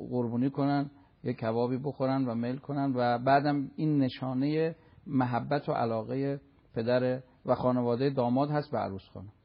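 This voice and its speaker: A man's voice: mid-range voice, creaky, husky, dull audio. A man giving religious advice on a talk show, speaking fervently and scolding, sometimes acting out other people.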